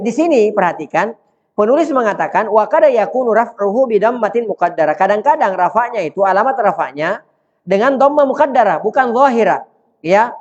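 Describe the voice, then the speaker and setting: Man teaching grammar in an echoey hall. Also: sits high. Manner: reads Arabic phrases then translates them, often asks the class questions. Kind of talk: classroom lesson explaining a grammar text. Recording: dull sound with long hall reverb.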